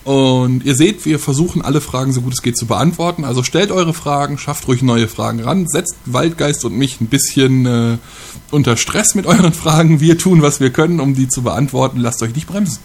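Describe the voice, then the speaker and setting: Stream host, husky voice, mid pitch, upbeat and direct with viewers. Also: male voice, fairly quick, darkish tone. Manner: encouraging, addresses viewers directly. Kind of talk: casual stream chat.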